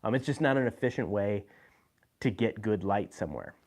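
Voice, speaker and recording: A man's voice: lowish voice, expressive, fairly quick, darkish tone. A man hosting a live video, talking casually about his gear, with frequent fillers and restarts. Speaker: host. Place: indoor room with lights.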